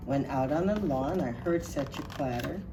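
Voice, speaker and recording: A woman playing Mrs. Claus, Santa's wife, reading a storybook aloud to children in an unhurried, expressive way. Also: extremely low pitch, background noise. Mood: gentle, hushed. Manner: unhurried, expressive, addressing listeners directly. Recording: distant mic under clear music. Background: music.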